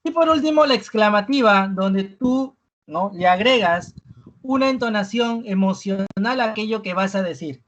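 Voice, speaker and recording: A teacher giving a live online review class, ending almost every phrase with a questioning "¿no?" and repeating key words slowly for emphasis. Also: mid-range voice, lively intonation, fairly bright tone, highs cut off.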